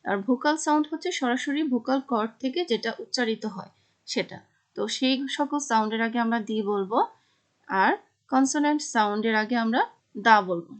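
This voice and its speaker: Bangladeshi woman English teacher, slightly high voice, patient and repetitive classroom explainer. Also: normal speed. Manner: patient explaining, repeats key points. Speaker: English lecturer. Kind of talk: classroom lecture to students.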